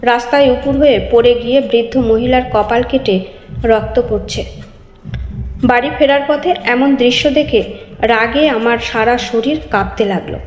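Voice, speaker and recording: A woman's voice: a little high, moderate pace, darkish tone. A woman narrating an emotional story, reading every part herself and lifting her voice for the quoted lines. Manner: reads all parts, raising her voice for quoted speech. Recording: echoey room with long reverb.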